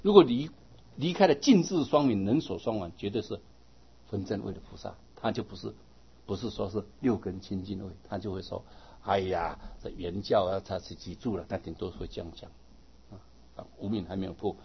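A man giving a lively Buddhist dharma talk to his students, often asking them "right?" as he teaches. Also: on the low side, fairly quick, creaky, muffled recording, a little hiss or hum.

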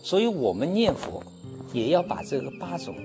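A man teaching as a Buddhist lecturer, explaining slowly and adding drawn-out "ah" particles between phrases. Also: on the high side, sing-song, a little mellow, faint music behind.

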